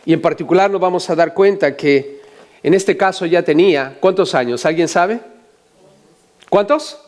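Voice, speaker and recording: A man's voice: high voice, darkish tone. An older male pastor preaching a sermon, often asking the congregation questions and adding joking asides.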